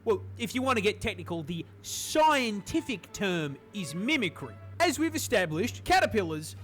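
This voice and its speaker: A woman's voice: mid-range voice, big pitch swings, normal speed, soft background music. A woman doing comedic scripted narration with a sweary, exasperated delivery. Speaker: video narrator.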